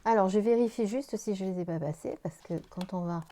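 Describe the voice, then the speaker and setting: A tired woman talks through a tarot reading to camera at an easy pace. She sounds gentle and reassuring, now and then stumbling over her words and restarting. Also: mid-range voice, a little fast, slight background noise. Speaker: tarot card reader.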